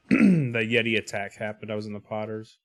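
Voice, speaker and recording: A man's voice: on the low side, completely flat delivery, brisk, fairly bright tone. A man playing a co-op game, chatting casually and reading his dialogue choices aloud. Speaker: co-op game player.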